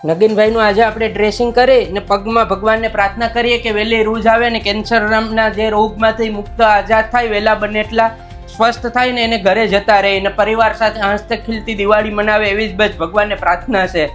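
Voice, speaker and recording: A young man, a health volunteer gently consoling a patient's family and earnestly appealing to viewers, repeating himself softly. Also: sits high, level tone, fairly quick, soft background music.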